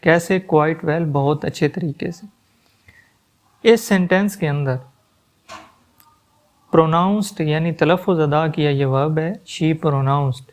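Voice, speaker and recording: Slow, measured male grammar teacher. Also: on the high side. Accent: Urdu-influenced Hindustani. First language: Urdu. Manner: explains slowly, reads English examples very slowly then translates. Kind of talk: grammar lesson.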